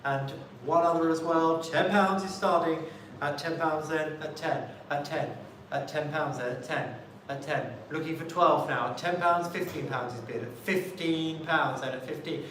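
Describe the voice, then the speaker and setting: A man's voice: on the high side, normal speed, few pauses, a bit bright. A man working as an auctioneer in a live sale, politely calling lots and repeating bids in a rhythmic chant. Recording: very echoey room, distant mic, faint noise.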